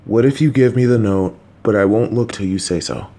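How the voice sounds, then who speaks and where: This voice actor speaks a little fast in a lowish, mellow voice. Addressing the listener in an audio roleplay, he plays a calm, coaxing middle-aged father, patient and supportive though slightly clueless, who reassures his child and tosses in jokey asides.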